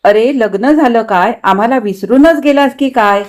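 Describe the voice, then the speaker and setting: A woman's voice: a little high, normal speed, a little mellow, lightly acted. A woman reading an older man's loving letter. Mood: affectionate. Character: older man writing a warm, loving invitation.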